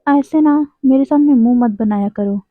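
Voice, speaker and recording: A woman's voice: sits high, normal speed, no room sound, close to an everyday voice. A woman reading the lines of a doting, possessive young man, dry tinny sound. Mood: sharp. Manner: pleading, repetitive devotion. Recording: dry, tinny phone-like audio.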